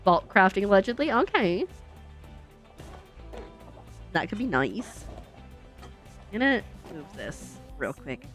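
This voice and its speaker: Chatting casually while playing a game, a slightly congested young adult woman speaks slowly in a mid-range, a bit bright voice with big pitch swings and frequent pauses. She's upbeat and giggly, talking to herself while building, over faint music.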